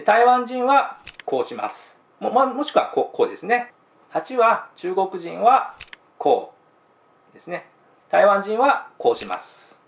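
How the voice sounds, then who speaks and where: A man narrates a scripted explainer in a polite, measured way, marking each new point with a quick "okay, next." His voice sits fairly high and moves a lot in pitch. The recording is roomy and a bit dull. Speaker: channel host explaining cultural differences.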